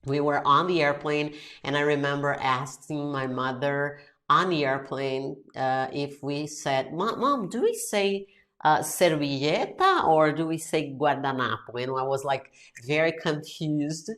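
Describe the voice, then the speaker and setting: A Brazilian woman in her forties, an English teacher, hosts her own podcast in a chatty solo style, switching between Portuguese and English. Her voice sits low with a fairly bright tone and a Brazilian Portuguese accent.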